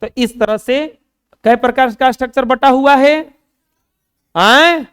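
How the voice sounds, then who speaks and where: A male coaching teacher giving a classroom grammar lesson, asking the class questions, answering them himself and drawing example words out slowly. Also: extremely high pitch, fairly bright tone, smooth.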